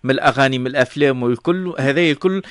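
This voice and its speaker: A man's voice: medium pitch, racing, no room sound, studio quality. A man with a Tunisian Arabic accent hosting a live radio interview, chatty and welcoming. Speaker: radio host. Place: radio studio.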